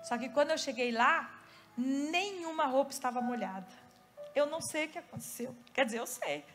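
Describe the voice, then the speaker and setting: A Brazilian woman pastor preaching a sermon, telling animated stories and acting out little quoted asides. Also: high-pitched, moderate pace. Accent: Brazilian Portuguese. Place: church. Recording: music playing under the voice.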